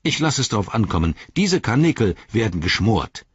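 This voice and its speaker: A man reading a gruff, blunt hobbit. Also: on the low side, very animated, normal speed, no room sound, lo-fi sound, voice pushed up, full character voice. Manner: blunt and grumbling. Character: stout-hearted gruff male hobbit servant. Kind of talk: audiobook character voice.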